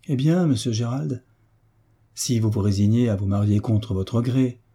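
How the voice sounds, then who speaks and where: A man's voice: medium pitch, a little slow, mellow, slightly rough. A man reading as a blunt old navy commander. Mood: earnest. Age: older. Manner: frank, firm, plain-spoken.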